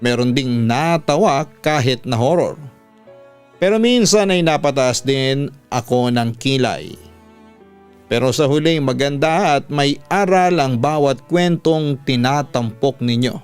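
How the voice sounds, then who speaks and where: A Filipino radio host reads a listener's letter aloud as scripted first-person story narration, code-switching conversationally between Tagalog and English over background music. His mid-range voice is smooth and unhurried.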